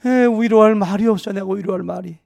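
A middle-aged man preaching a sermon in a church, spinning a funny anecdote and acting out each part of the conversation. His voice is gravelly and darkly mellow, slightly high for a man, and recorded close and dry. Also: brisk, no echo. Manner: anecdotal and humorous, acting out dialogue in a wide-ranging voice. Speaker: pastor. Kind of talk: sermon with storytelling.

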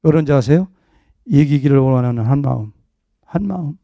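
Gravelly, conversational Korean pastor preaching. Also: male voice, mid-range voice, animated, fairly quick, dark tone, no echo, muffled recording. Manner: jokey, conversational preaching with laughs. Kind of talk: sermon.

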